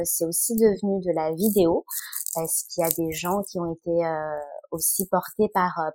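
A woman from France, a podcast guest speaking haltingly with many fillers. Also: on the low side, dark tone. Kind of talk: podcast interview.

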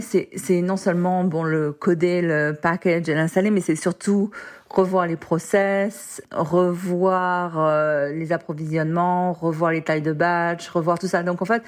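A woman in her fifties, appearing as an executive guest in a casual interview, tells her career story in a fairly low, darkish voice. She's chatty, dropping in English words and saying "en fait" a lot.

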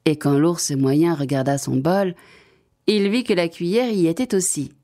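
A woman reading a fairy tale aloud to young children, expressive and playful, speaking to her listeners directly. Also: lowish voice, unhurried. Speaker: storyteller. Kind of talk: bedtime story reading for children.

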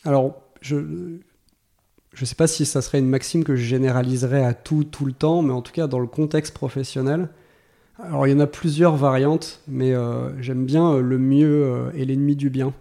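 A man in his thirties talks through his answers as a podcast guest, his voice mellow and dark with a gravelly edge. He stops, restarts and fills pauses as he works out what he wants to say. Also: mid-range voice, steady tone. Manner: thoughtful, many hesitations and restarts. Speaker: guest, tech executive. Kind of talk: casual interview talk.

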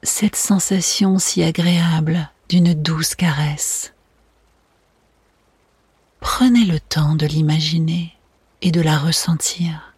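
A meditation guide speaks very slowly in a soft spa whisper. The voice is extremely breathy and hushed, soothing throughout, and sounds close and dry, with almost no room around it. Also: medium pitch, fairly even intonation, no echo.

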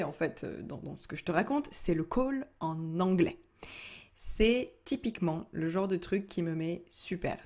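A woman's voice: lowish voice, a little mellow. A young adult woman hosting her own podcast, talking casually with many fillers and restarts. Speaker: podcast host. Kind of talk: casual personal podcast talk.

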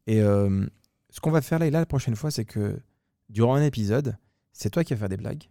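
A man co-hosting a podcast, talking in a playful, teasing and animated way. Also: fairly low pitch, a little fast, vocal fry, no room sound, clean studio sound. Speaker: podcast co-host. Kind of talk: casual podcast chat.

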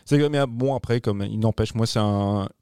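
A man reviewing a film in casual panel chat, animated and slangy, swearing freely and restarting his sentences. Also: fairly low pitch, moderate pace, clean tone, no room sound, clean studio sound.

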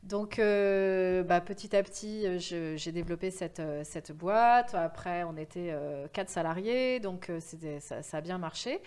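A woman's voice: lowish voice, unhurried, hardly any pauses, a little mellow, clean tone. A woman in her fifties telling her career story in a casual interview, chatty and full of hesitations. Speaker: guest, event agency founder.

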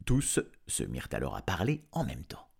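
Deep-voiced man narrating a storybook. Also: normal speed, creaky, breathy edge. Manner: expressive, lively storytelling. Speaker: audiobook reader.

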